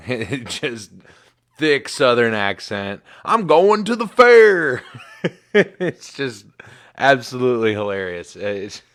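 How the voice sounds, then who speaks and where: Laid-back low-voiced man hosting sports chat. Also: fairly bright tone, no room sound, studio quality. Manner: laid-back, rambling with many fillers. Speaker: sports show host. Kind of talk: casual livestream sports chat. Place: home in Michigan.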